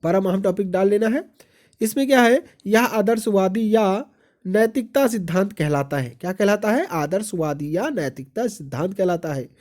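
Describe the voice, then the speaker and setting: A teacher reading exam-prep notes aloud, repeating each point as a question and then answering it. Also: male voice, sits high, expressive, normal speed, darkish tone.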